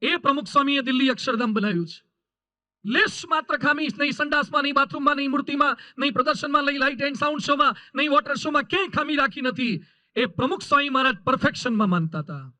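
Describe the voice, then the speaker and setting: Male preacher, very high sharp voice, emphatic sermon full of stories, dry close sound. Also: quick pace, no echo, low-quality recording. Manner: emphatic, repetitive lists, voices characters in stories. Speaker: swami preacher. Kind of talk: sermon with anecdotes.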